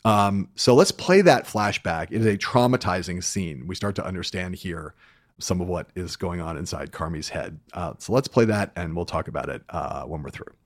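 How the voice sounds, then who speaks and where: Low-pitched male podcast host, dry sound. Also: animated, normal speed, no echo. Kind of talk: conversational interview.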